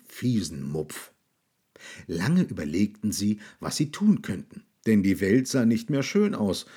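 A man's voice: lowish voice, husky. A man reading a children's story aloud, stretching key words for emphasis. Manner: expressive, drawn-out emphasis.

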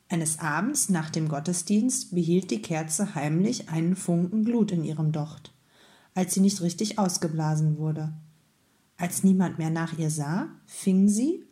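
A woman reads a children's story aloud in a calm, storytelling manner. Her pace is slow and her voice mellow and warm. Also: on the low side. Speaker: kindergarten head reading a story.

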